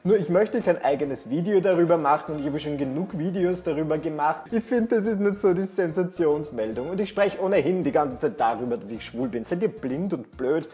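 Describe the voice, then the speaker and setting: A man, talking to camera on a lapel mic in a small bright room, sarcastic and theatrically exasperated. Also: on the high side, expressive, brisk, few pauses. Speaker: YouTuber. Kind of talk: casual vlog talk to camera.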